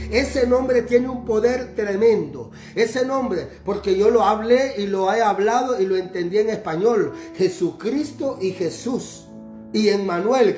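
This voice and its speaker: A man's voice: sits high, darkish tone. A man from Honduras, preaching a sermon in a fervent, repetitive cadence. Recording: roomy echo with faint music behind.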